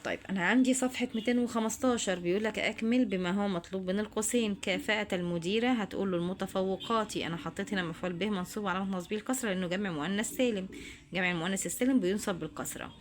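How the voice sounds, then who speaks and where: Brisk Egyptian woman teacher. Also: mid-range voice. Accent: Egyptian Arabic. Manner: brisk, addresses students directly. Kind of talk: homework walkthrough lesson.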